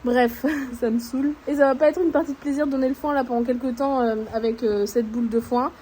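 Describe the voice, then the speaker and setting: A woman's voice: high-pitched, fairly even intonation, fast talker, mellow, slight background noise. A woman from France chatting casually in a vlog while doing stable chores outdoors, grumbling and talking to her viewers. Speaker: horse-owning vlogger.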